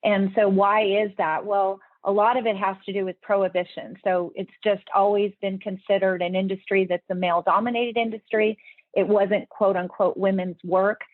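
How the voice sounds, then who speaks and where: Over a tinny, phone-like remote line with a dry sound, a woman appears as a podcast guest and leadership speaker, answering interview questions earnestly and explaining at length while frequently restarting her sentences. Her medium-pitched voice stays level at a normal speed, with no room sound.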